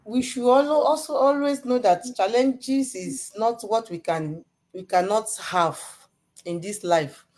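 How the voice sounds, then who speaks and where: A woman's voice: fairly high pitch, measured pace, a little mellow. Earnest woman sharing her faith. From Nigeria.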